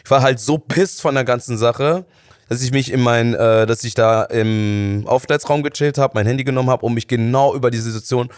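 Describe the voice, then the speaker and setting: A man's voice: mid-range voice, brisk, clear, resonant tone, no echo. A man in his thirties, a studio guest, telling his story casually with slang and acting out the people he quotes. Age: 30s. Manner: slangy, animated, acts out quoted dialogue.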